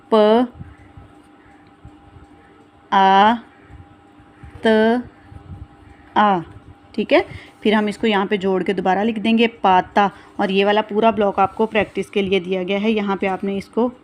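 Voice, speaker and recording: A woman's voice: medium pitch, darkish tone. A woman teacher, giving a recorded lesson to young children, patiently sounding out words letter by letter. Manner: patient, slow, spelling words out sound by sound with frequent "theek hai".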